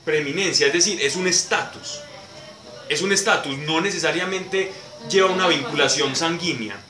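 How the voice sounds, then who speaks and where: Male Bible teacher explaining to a class, somewhat high voice, heard from a distance in an echoey, noisy room. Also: moderate pace, pushed and bright, soft background music. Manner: explanatory, answers questions, repeats words for emphasis.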